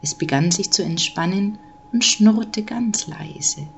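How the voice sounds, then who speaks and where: A woman gently reading a children's Christmas story aloud, measured and calm. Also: mid-range voice, a little hiss or hum.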